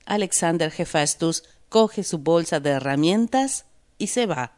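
A woman teacher reading a word list and a story aloud in a clear, deliberate way for learners. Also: on the low side, animated, darkish tone. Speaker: language teacher. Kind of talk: slow scripted narration for learners.

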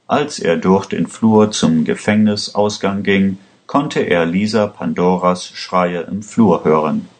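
A man reading a story aloud in a slow, measured way. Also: low voice. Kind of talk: scripted storybook narration.

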